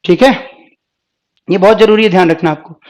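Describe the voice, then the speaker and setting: High-pitched guy teaching a live exam prep class, keeps asking students questions, on the bits. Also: normal speed.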